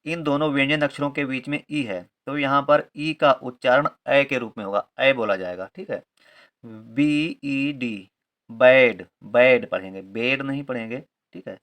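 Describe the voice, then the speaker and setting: A man's voice: mid-range voice, fairly quick, hardly any pauses, fairly bright tone. A man teaching English reading rules, patiently spelling words letter by letter and repeating each point with a confirming aside. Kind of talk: Hindi-medium English reading lesson.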